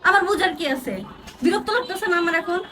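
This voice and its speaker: A woman playing a wife in a domestic argument, scolding and complaining in quick bursts. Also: very high-pitched, pushed and bright, far from the mic, a little hiss or hum. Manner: scolding, complaining rapid-fire. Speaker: wife in a couple skit.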